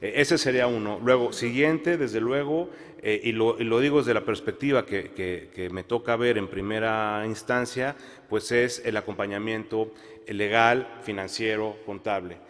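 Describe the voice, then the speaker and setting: A man speaking on a conference panel, measured, with fillers and restarts. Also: lowish voice, a bit bright. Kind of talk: panel discussion. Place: conference hall. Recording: long hall reverb.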